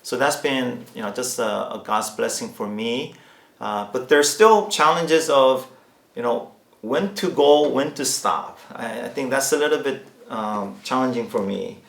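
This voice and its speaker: A man with a Korean American accent, a pastor answering informally and haltingly, mixing Korean words into his English. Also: medium pitch, creaky. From United States. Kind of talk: informal interview answer in church. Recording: roomy echo.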